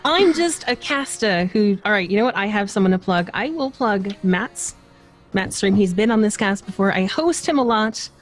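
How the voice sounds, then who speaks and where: A woman's voice: medium pitch, animated, moderate pace, faint music behind. A woman streamer bantering on a podcast, giggly and casual as she plugs a friend. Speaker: streamer and caster.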